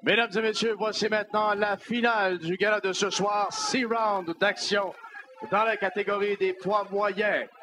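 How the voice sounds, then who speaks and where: Give the ring a Quebec French man with a high voice, hyping fighters as a formal announcer. He draws out names slowly and showily over clear live noise. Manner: showy fight-announcer hype, drawn-out names. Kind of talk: formal boxing ring introductions. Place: boxing event in a club. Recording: noisy live boxing hall.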